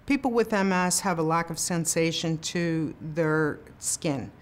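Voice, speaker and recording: A woman health professional giving clear, instructive explanations in an interview. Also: low voice, unhurried.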